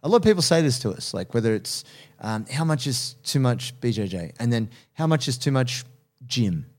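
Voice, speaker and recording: A man's voice: mid-range voice, sing-song, moderate pace. A man in his thirties, a strength coach and personal trainer, talking candidly and earnestly in casual podcast chat, laughing easily.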